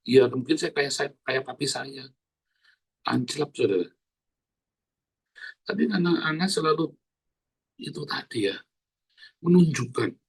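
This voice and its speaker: A male pastor, preaching in an animated, earthy way and calling out to the congregation. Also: medium pitch, gravelly, breathy edge. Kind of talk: sermon.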